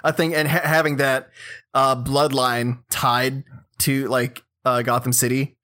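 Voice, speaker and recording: A young man co-hosting a casual chat, enthusiastic and animated, swearing now and then. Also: mid-range voice, measured pace. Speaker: podcast co-host.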